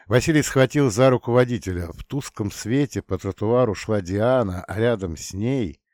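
Low-voiced male audiobook narrator. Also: darkish tone, dry recording, studio quality.

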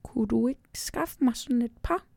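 A woman's voice: gravelly, darkish tone, no room sound. A woman doing a flustered old owl. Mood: curious. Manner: flustered and apologetic, high-pitched. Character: old, shortsighted, embarrassed owl.

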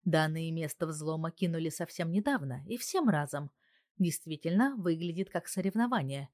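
A woman narrating an audiobook in the first person, with a fairly low voice. Her reading is steady and even, recorded dry and close. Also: moderate pace, dry recording. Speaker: audiobook reader.

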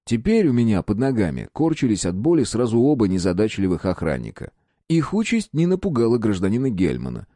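Male audiobook narrator, low and mellow, animated delivery, dry close mic. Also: dry recording. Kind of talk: first-person audiobook narration.

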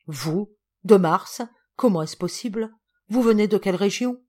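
A woman's voice: mid-range voice, a little slow, warm tone, lightly acted. Storybook Martian captain, male, weary and blustering; performed by a woman. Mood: baffled. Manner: blustering, tired.

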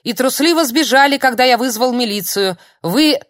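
Very animated and at normal speed, a woman plays a jittery old man who grumbles, then shrieks threats in shrill, spluttering bursts. The character is agitated, nervous and menacing, and the clean studio recording has no room sound.

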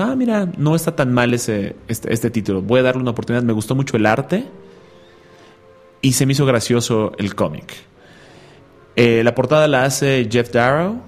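A man hosts a casual radio show, rambling through stories in a chatty, joking way. His voice sits in an ordinary middle register. Soft music plays faintly underneath. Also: medium pitch. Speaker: radio host.

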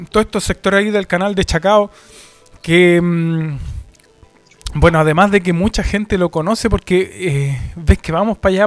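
High-pitched man hosting a radio interview, halting question style. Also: no room sound. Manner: hesitant, many fillers and restarts while framing questions. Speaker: radio show host.

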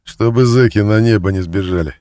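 A man voicing a brash, streetwise male thief in prison who talks loud and demanding. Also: lowish voice, moderate pace, pitched above the performer's own voice, natural voice. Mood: cocky.

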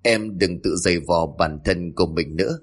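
A man voicing a devoted young husband who speaks gently and pleads, in a storybook reading. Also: fairly low pitch, expressive, a little fast, slightly rough. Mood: gentle.

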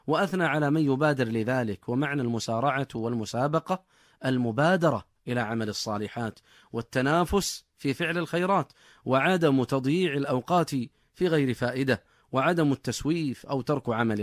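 A man giving a scripted religious radio talk in formal standard Arabic, as a scholar with formal, measured oratory. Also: medium pitch, no room sound, clean studio sound.

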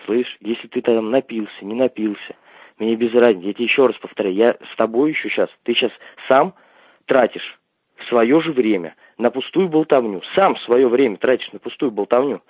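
A man's voice: mid-range voice, normal speed, breathy edge, dry recording. A man heard over a landline phone, answering bluntly and insisting on the same point again and again. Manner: blunt, insistent, keeps repeating himself. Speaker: call recipient. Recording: tinny, dry phone line.

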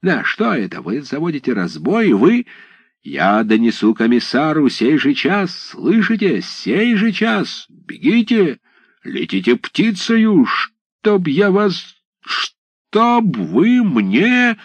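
A man's voice: mid-range voice, expressive, moderate pace, no room sound, close to an everyday voice. A man playing a blustering old village headman. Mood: blustering commands. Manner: blustering, commanding, rising to shouts.

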